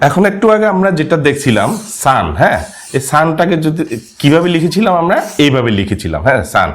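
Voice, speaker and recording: Male teacher, animated pitch, patient lesson delivery with frequent "yes?" check-ins. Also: fast talker. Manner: frequent questioning "হ্যাঁ?" to check understanding; lively rising and falling pitch. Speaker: language teacher. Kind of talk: spoken language lesson.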